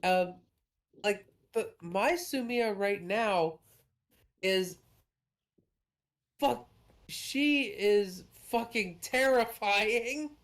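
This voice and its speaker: Slow-talking woman in casual gaming chat. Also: medium pitch. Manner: slow, thoughtful, hesitant with ums. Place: home streaming setup.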